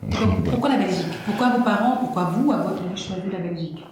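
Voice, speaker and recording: A woman's voice: medium pitch, fast, darkish tone. A woman interviewing a guest, asking polite, probing questions. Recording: very echoey room with faint noise.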